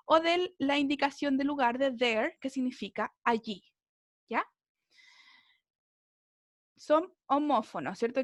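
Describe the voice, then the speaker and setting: Her voice is on the high side, captured in a dry, clean studio recording. As an English teacher explaining a lesson online by video call, she patiently checks that students keep up, using tag questions.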